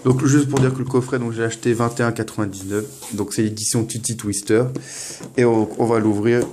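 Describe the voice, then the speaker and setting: A man's voice: medium pitch, fairly even intonation, a little fast, noisy background. A young man, casually narrating an unboxing at home, hesitant and full of fillers and restarts. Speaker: unboxing vlogger.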